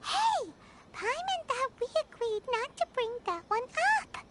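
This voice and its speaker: Casting: tiny excitable fairy sidekick, extremely high childlike voice, swooping chirpy delivery, game music behind. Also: female voice, measured pace, noisy background, heavily acted. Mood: eager, fussing. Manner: chirpy, exclamatory, speaks of self in third person. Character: cheerful childlike little fairy companion girl, excitable and helpful. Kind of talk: animated video game voice acting. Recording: loud game music underneath.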